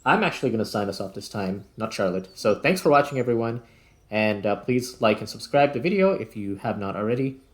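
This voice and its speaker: A man with a fairly low pitch talks animatedly and a bit fast while hosting a gaming channel. He gives casual commentary, thinking aloud as he plays, in a recording clear of background noise.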